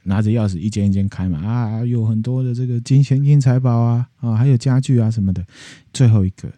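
A man's voice: medium pitch, fairly quick, no room sound. A man, hosting a podcast and retelling a fairy tale in a casual, playful way. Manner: animated, playful retelling with acted voices. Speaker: podcast host. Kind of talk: casual storytelling chat.

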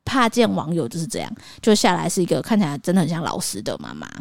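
A woman's voice: low voice, wildly swooping pitch, fast, gravelly, dry recording, clean studio sound. A woman co-hosting a podcast, telling a story and acting out both sides of the conversation. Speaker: podcast co-host. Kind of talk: casual storytelling chat.

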